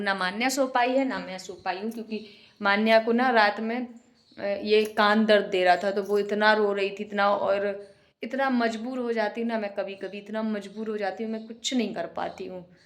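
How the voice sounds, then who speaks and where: A young woman venting emotionally in a casual home vlog, often speaking quietly while cooking in her kitchen. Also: medium pitch. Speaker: vlogger, single mother.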